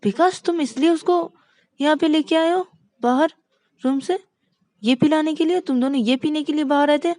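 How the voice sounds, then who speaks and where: A woman voicing a furious, bossy young wife in a narrated story, scolding in shrill outbursts. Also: moderate pace, darkish tone, no echo, natural voice.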